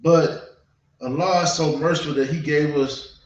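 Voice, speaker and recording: An American man preaches informally to an audience, his fairly high voice holding a fairly even intonation. A distant mic in a dull, echoing room captures his halting, repetitive, conversational delivery, full of check-ins.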